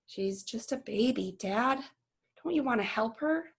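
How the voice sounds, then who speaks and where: Woman playing a young girl, storybook read-aloud, eager, pleading, earnest, raised pitch, unhurried. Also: lively intonation, creaky, husky, full character voice. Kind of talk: children's novel read-aloud.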